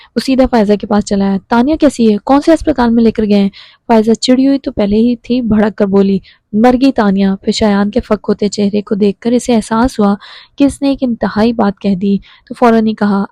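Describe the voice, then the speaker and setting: A woman's voice: mid-range voice, warm tone, dry recording. A woman reading a romance novel aloud as an audiobook narrator, voicing the dialogue with little change of voice. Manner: reads all characters' dialogue with little change of voice.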